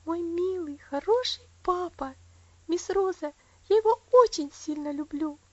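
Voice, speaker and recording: Storybook little girl, earnest and devoted, high and eager, read by a woman, dull dry lo-fi sound. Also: a little slow, no echo. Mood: eager, heartfelt. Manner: eager, heartfelt. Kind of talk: audiobook character voice.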